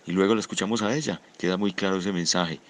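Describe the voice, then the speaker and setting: A man's voice: sits low, steady tone, quick pace, a little hiss or hum. A man hosting a radio talk show, addressing his guest in a fraternal way. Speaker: radio host.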